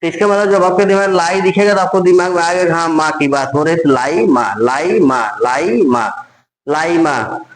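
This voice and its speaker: Male tutor, mnemonic lesson, repeats and quizzes himself, slightly high voice, echoey room. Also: little pitch movement, quick pace, a loud crowd. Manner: repetitive, drills phrases over and over, asks and answers himself. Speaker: teacher. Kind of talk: exam-prep mnemonic lesson.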